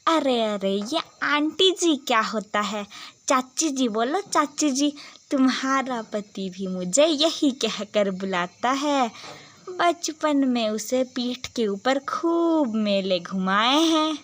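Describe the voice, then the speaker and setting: A woman's voice: sits high, lively intonation, takes it slowly, a bit bright, full character voice. Woman doing a huffy older cartoon aunt. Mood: indignant. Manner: indignant, nagging. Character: fussy older neighbour aunt, easily offended. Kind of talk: animated story voice acting.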